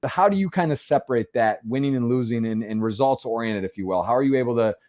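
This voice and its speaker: A man's voice: medium pitch, quick pace, darkish tone. A man hosting a poker podcast, asking long rambling questions and repeating words as he goes. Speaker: podcast host, interviewer. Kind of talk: casual interview questions.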